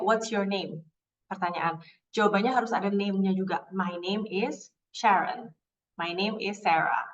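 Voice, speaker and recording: A woman teaching an English class in Indonesian, slowing down to model English phrases. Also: mid-range voice, far from the mic, highs cut off.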